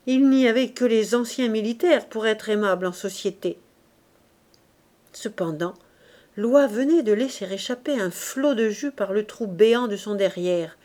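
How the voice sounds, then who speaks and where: A woman narrating a classic novel in a measured, expressive way. Her voice sits at a middle pitch. It sounds like an audiobook reading. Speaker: audiobook reader.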